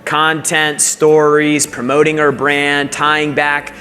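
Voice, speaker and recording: Hosting an onstage interview in a large event hall, a man pumps up the crowd with lots of energy. His fairly high voice is pushed and bright, yet his delivery is completely flat and slow. Hall reverb and faint music are audible.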